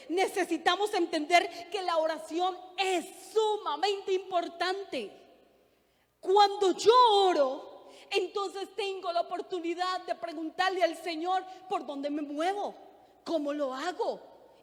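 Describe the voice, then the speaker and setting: A woman's voice: very high-pitched, big-room sound. A middle-aged woman preaching a sermon, earnest, putting questions to the congregation. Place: church.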